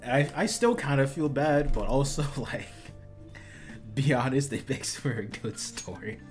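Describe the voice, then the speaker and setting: A man's voice: medium pitch, measured pace, soft background music. A young man streaming a video game, chatting casually and rambling, laughing often and saying dude and like a lot. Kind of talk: casual gaming stream chat.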